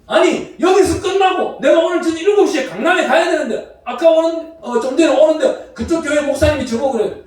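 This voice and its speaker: A man, a pastor, preaching a lively sermon with shouted call-and-response to his congregation. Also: very high-pitched, a little fast, few pauses. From Gyeongsang region, South Korea. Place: church sanctuary. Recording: roomy echo from far off the mic.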